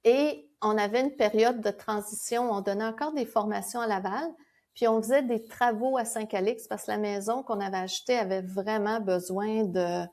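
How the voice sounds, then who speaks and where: A woman with a Québécois French accent, a podcast guest telling lively stories and explaining her ideas, laughing now and then. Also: medium pitch, normal speed. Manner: animated storyteller, laughs while explaining. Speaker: guest, founder of a spiritual school. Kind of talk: conversational podcast interview.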